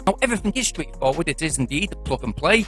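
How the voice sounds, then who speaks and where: Guy doing a jokey gadget review, high voice, really lively up and down. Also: quick pace, faint music behind. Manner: chatty, upbeat, jokey. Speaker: product reviewer. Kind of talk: casual product review.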